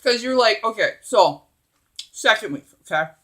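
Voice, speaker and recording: A woman's voice: on the high side, animated, normal speed, a bit bright. A middle-aged woman chatting casually and emphatically while eating, as a mukbang vlogger.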